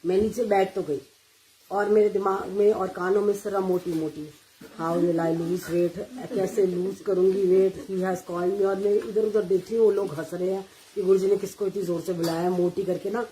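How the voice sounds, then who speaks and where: Middle-aged woman, mellow voice, storyteller switching Hindi and English, faint background noise. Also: medium pitch, poor audio. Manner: mixes Hindi and English, retells dialogue animatedly. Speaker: devotee sharing a satsang testimony. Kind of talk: personal storytelling.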